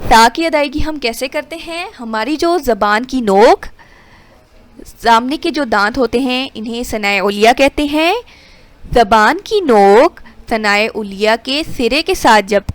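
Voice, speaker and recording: A woman teaching Quran recitation rules, explaining quickly and then reciting verses slowly and drawn out. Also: fairly high pitch. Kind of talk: tajweed lesson with recitation.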